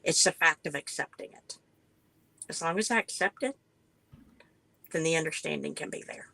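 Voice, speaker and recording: A woman's voice: low-pitched, moderate pace, creaky, sharp tone, no echo, low-quality recording. A woman with an Appalachian accent talking casually and earnestly on a panel, in a folksy way that repeats words for emphasis.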